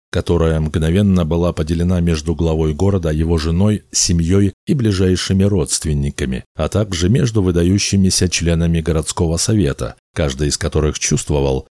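A man reading a fairy tale aloud as an audiobook narrator, in a measured storytelling manner. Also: sits low, mellow, no echo, clean studio sound. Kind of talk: scripted narration.

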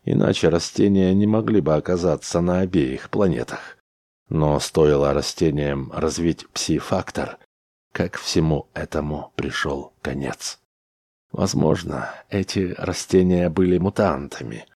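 A man narrates a science-fiction audiobook in a very low, dark voice. His reading is even and unhurried. The recording is dry and close, with no room sound. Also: no echo. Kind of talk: scripted narration.

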